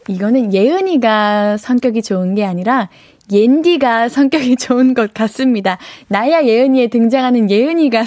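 A young woman radio host with a slightly high voice, close on a studio mic with a very dry sound. She reads listener messages with a playful, joking streak and turns softly comforting when she replies. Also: dry recording. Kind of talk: live radio hosting, reading listener messages. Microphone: studio microphone.

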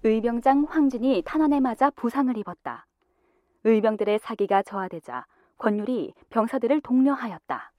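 A woman's voice: fairly high pitch, lively intonation, moderate pace, no room sound, muffled recording. A woman reading scripted narration for a historical drama.

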